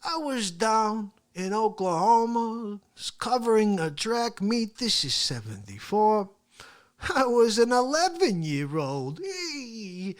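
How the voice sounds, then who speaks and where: A performer playing a brash, boastful male talk-show host who rambles through a comedy rant, swinging between loud yelling and hushed asides. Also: medium pitch, big pitch swings, slow pace. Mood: rambling, boastful. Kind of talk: comedic character monologue.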